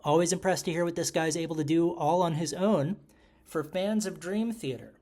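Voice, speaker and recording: A man's voice: a little high, moderate pace, dark tone. A middle-aged man with a New York accent co-hosts a casual podcast chat. He rambles and pokes fun at himself, with lots of "um" and "uh" as he loses his train of thought and picks it back up. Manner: rambling, self-deprecating, with fillers. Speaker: podcast co-host.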